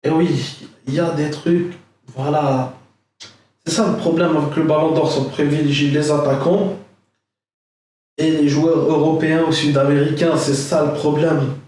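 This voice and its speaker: A man's voice: fairly high pitch, little pitch movement, moderate pace, a little mellow, slight background noise. Chatty young man in echoey room. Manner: chatty, rambling, full of fillers. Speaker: football vlogger. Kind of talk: casual reaction commentary. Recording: echoey room, far from mic.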